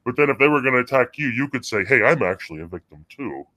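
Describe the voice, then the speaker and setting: A male caller talks through a voice changer that drags his voice down into a deep, artificial register, and the sound is dry and close. He is in his forties and rambles in halting bursts full of fillers and casual swearing. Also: animated, bright, forceful tone, dry recording. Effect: deep pitch-shifted voice changer. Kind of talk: casual call-in chat.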